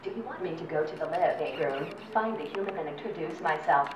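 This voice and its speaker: A synthetic female text-to-speech voice of a service robot, speaking in a flat, formal, evenly paced way. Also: sits low, a little fast, recorded from a distance. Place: indoor robot test arena. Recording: echoey room, heard from afar, noisy.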